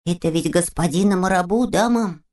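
A woman voicing a small, eager young male troll with a bright, childlike way of talking. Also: on the low side, normal speed, natural voice.

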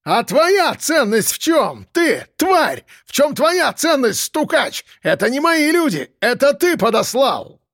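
A man voicing a furious corrupt male police colonel who shouts threats and accusations. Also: very high-pitched, sing-song, slow, no room sound, studio quality, pitched above the performer's own voice, exaggerated voice. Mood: accusing.

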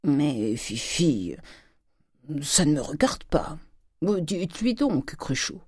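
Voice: very animated, slow, a little mellow, husky, dry recording, clean studio sound, heavily acted. A reader doing a wheedling old miser father. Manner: wheedling, stammering, with sudden whispers and high jumps.

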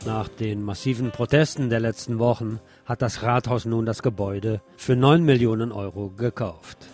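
A radio host with a fairly low voice reads a scripted literary essay at a normal speed over music. His intonation stays fairly even as he delivers short, clipped phrases in a sardonic, theatrical manner.

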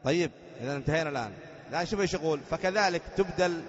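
A man teaching a grammar lesson, explaining patiently, quizzing students with rhetorical questions, and chanting the text slowly when reading it aloud. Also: fairly high pitch. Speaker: sheikh teaching Arabic grammar. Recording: dull lo-fi lecture recording in a reverberant hall.

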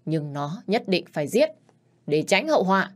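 A woman's voice: on the low side, very animated, moderate pace. A woman reading the lines of an aging male crime boss who is a father, commanding in tone. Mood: stern.

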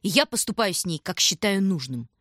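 A woman reads a gentle young man in a worn greatcoat, pressing urgent instructions on the children in a husky voice. The sound is dry and close. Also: medium pitch, expressive, fairly quick, dry recording. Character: kind, self-sacrificing young man in greatcoat.

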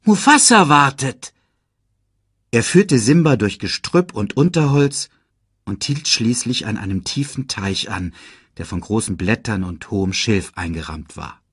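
A male narrator reading a children's story slowly and expressively. His slightly low voice is husky, with a lively rise and fall, and sounds close and dry. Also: no room sound. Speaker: audiobook narrator.

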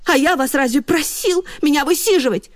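A woman voicing a stubborn young sparrow chick boy in a storybook reading, with a shrill, piping manner. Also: moderate pace, lightly acted. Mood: defiant.

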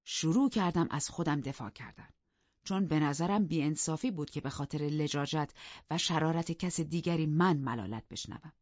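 A woman narrating an audiobook in a calm, measured storytelling manner. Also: deep voice, no room sound, muffled recording. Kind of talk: scripted narration.

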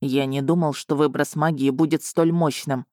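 A woman voicing a calm, composed young male emperor who speaks evenly. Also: sits low, moderate pace, dry recording, studio quality, natural voice.

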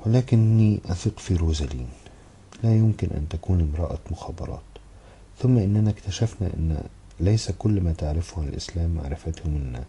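A man narrating a novel in the first person, with a steady, measured literary reading. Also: low-pitched, a little hiss or hum. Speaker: audiobook narrator.

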